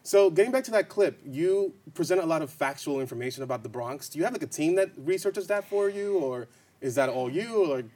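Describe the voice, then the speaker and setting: Man, interview host, rapid delivery, somewhat high pitch, upbeat, joking. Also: animated, warm tone. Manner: quick, upbeat and joking with guests. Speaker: interview host, programming manager. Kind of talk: casual interview hosting.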